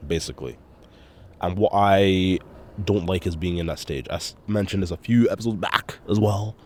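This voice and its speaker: Young guy with a super deep voice, stuffy nose, kinda nasal, rambling and cursing through a solo podcast. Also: a little mellow, slight background noise. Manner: rambling, swears often, self-deprecating. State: congested nose. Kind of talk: casual rambling monologue.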